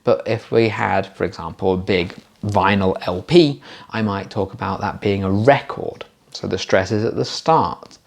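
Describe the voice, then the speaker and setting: A man's voice: low-pitched, normal speed, creaky. A man teaching exam pronunciation in a patient, explanatory way, showing how stress and intonation work. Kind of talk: explanatory lesson.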